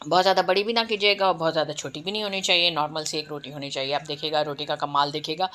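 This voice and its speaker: A woman's voice: sits low, fairly even intonation, very fast, a bit bright. A woman with a sore throat hosting a home cooking tutorial, explaining step by step and often checking in with the viewer. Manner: chatty step-by-step instruction with frequent "ठीक है" check-ins. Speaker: cooking channel host.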